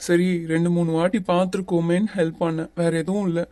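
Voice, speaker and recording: A woman voicing a calm, teasing young male hero in a cartoon series. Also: fairly low pitch, fast talker, no room sound, lightly acted. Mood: annoyed. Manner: teasing, patient, a little bossy. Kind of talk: Tamil cartoon series voice acting.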